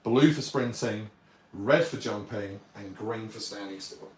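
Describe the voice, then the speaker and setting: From a warm home apartment, a man live-streams a tabletop wargame, chatting casually with viewers and explaining the rules as he plays. His voice is low-leaning and darkish, a little slow, and the recording sounds roomy with a distant mic and faint noise.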